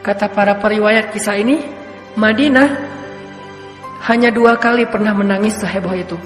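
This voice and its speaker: A man's voice: high-pitched, normal speed, fairly bright tone. A man telling a story in a sermon, acting out the characters' lines. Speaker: preacher. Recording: echoey hall with faint music.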